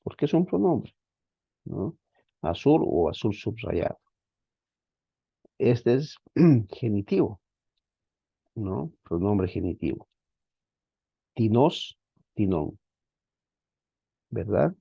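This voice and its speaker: A fairly low-voiced man gives an online grammar lesson. He is patient, repeats points and keeps checking in with his students. The sound is dry and a little dull, as from a plain lo-fi mic. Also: big pitch swings, slow pace, creaky, pauses often, slightly rough, no room sound. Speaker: Greek teacher. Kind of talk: online class lecture.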